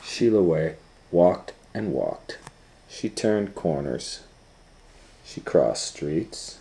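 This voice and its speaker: A man's voice: low voice, sing-song, very slow, gravelly, dark tone, slight background noise, rough recording. A man reading a children's picture book aloud as a storytime host, in a dramatic, playful way.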